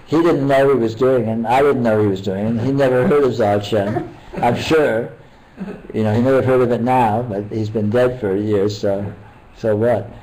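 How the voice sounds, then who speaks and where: An older man, a meditation teacher, talking casually at a retreat in a halting, rambling way with many restarts. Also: medium pitch, dark tone, poor audio.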